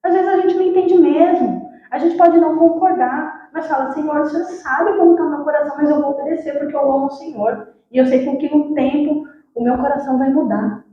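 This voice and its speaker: High-voiced Brazilian woman preaching in echoey hall. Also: a little fast, hardly any pauses. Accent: Brazilian Portuguese. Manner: lively storytelling, acts out dialogue, addresses the congregation. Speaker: church worker preaching. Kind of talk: sermon with personal testimony. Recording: very echoey, dull lo-fi sound.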